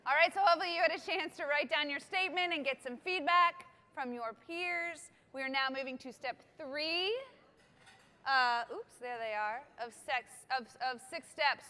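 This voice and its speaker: A woman's voice: sits high, bright, forceful tone. A middle-aged woman facilitating a conference workshop, giving upbeat step-by-step directions to the audience on a hall stage. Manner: upbeat, directive, checks in with "okay?".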